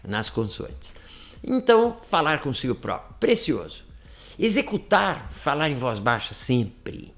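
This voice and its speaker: A man's voice: medium pitch, sing-song, a little slow, fairly bright tone, soft background music. A man giving a casual, chatty language lesson, repeating phrases to demonstrate. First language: Portuguese. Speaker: language teacher.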